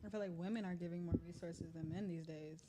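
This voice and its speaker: A woman's voice: fairly low pitch, steady tone, fast, warm tone. A woman in her twenties, a guest on a podcast, talking casually with frequent hesitations. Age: 20s. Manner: hesitant, many ums and likes.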